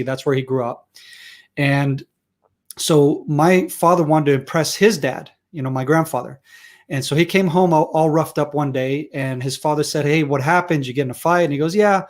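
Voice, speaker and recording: A middle-aged man, born and raised in Israel, answers interview questions in a loose, rambling way. He circles back and restarts often, leaning on fillers as he goes. His voice sits a little on the high side for a man. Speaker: guest. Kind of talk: conversational interview.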